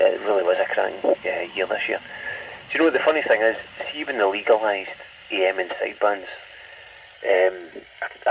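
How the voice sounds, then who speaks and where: A distant, muffled voice comes over CB radio with faint noise. It is a Scottish man, fairly low in pitch, rambling enthusiastically in casual chat. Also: breathy edge. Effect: CB radio transmission.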